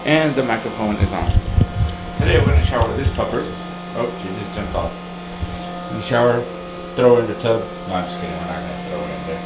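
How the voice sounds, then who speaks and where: A man's voice: lowish voice, big pitch swings, a little fast, roomy sound, very noisy. A man chatting casually to viewers in an informal, slangy, rambling vlog style. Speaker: vlogger. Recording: loud background music.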